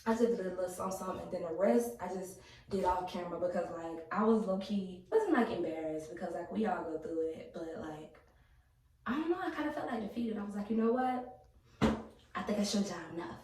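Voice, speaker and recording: A young woman vlogging at home, talking candidly with lots of fillers, sometimes dropping to a hushed voice. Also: fairly low pitch, expressive, fast. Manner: candid, rambling, filler-heavy talk; hushed, half-whispered at times. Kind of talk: casual vlog narration. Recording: echoey room, mic at a distance.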